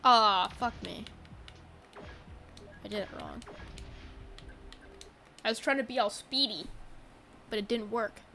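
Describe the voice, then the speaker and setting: A woman's voice: on the high side, a little slow, pauses often, a bit bright, soft background music. A woman chatting casually while streaming a game, tired and yawning, rambling with lots of fillers and giggles.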